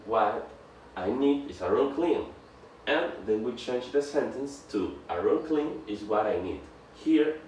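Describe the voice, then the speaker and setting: A man presenting a grammar lesson, speaking haltingly, restarting phrases and reading example sentences aloud. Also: mid-range voice, darkish tone, far from the mic. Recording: echoey room, off-mic, faint background noise.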